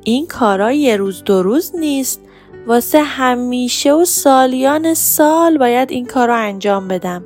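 A woman's voice: high voice, animated, darkish tone, faint music behind, pitched above the performer's own voice. A woman voicing a young boy in a children's story who grumbles and lectures about caring for his pet, yet stays patient. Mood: grumbling.

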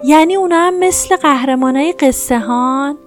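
A small, frightened bunny child calls out in a squeaky, pleading voice, as a woman puts her on. The voice sits far above an adult's and sounds young and anxious. It is a storybook character read aloud. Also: faint music behind, lightly acted. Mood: wondering.

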